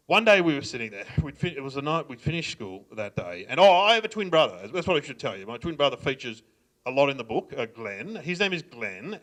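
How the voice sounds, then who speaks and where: A middle-aged Australian comedian tells family stories to a live crowd, animated and often laughing. His voice sits a little high, with a bright, forceful tone. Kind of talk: stand-up storytelling. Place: library event room.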